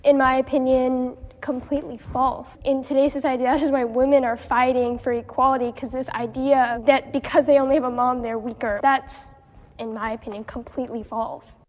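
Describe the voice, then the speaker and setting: High earnest young woman in a hall. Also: flat delivery, moderate pace, darkish tone. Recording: reverberant hall clip.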